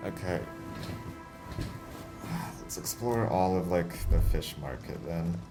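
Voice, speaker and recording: A man's voice: low-pitched, slow, over loud music. A man giving casual, chatty commentary while playing a video game. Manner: chatty, laughing, self-talking. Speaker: let's play host.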